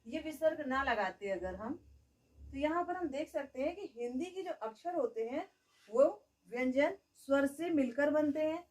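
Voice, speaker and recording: A woman's voice: sits high, darkish tone, distant mic, poor audio. A woman teaching a grammar lesson. She keeps asking the class questions and answering them herself, and she says "okay" often.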